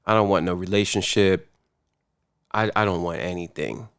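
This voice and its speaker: A man of thirty-seven co-hosting a podcast, talking in a relaxed, casual way with slang and supportive back-and-forth. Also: low voice, moderate pace, smooth. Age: 30s. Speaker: podcast co-host. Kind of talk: casual chat.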